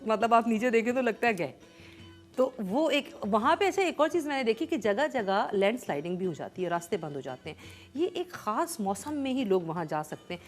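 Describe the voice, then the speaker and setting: A woman hosting a studio talk show, in a chatty, expressive way. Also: fairly high pitch, a little fast, faint music behind. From Pakistan. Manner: chatty and expressive, excited storytelling.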